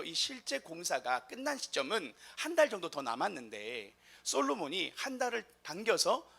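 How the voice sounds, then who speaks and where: A man's voice: on the high side, vocal fry, bright, forceful tone. A man preaching a sermon as pastor, in a humorous, chatty way with the congregation.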